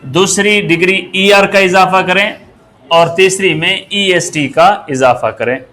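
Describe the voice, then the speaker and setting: A man teaching English grammar, asking the class questions as he goes and spelling words out slowly. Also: high-pitched, pushed and bright, slight background noise. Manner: slow and deliberate, asks the class rhetorical questions and spells words out. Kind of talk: grammar lesson.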